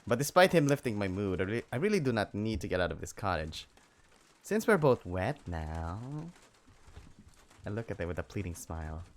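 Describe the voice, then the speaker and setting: A man's voice: fairly low pitch, sing-song, moderate pace. A man playing through a visual novel and reading its lines aloud in a playful, jokey manner. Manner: playful, jokey, breaks into loud yells. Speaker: let's play gamer.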